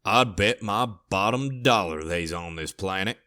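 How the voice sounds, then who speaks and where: A man voicing a cocky, gruff police sergeant with a thick Southern US drawl and folksy swagger. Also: deep voice, measured pace, sharp tone.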